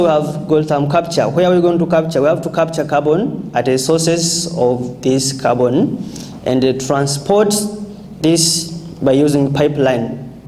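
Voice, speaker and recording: A man's voice: a little high, mellow, slight background noise, poor audio. A young man with a Tanzanian accent giving a formal classroom presentation as a student.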